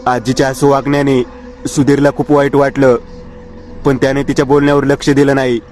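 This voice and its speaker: A man narrating a scripted horror story in a steady, measured reading. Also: medium pitch, soft background music.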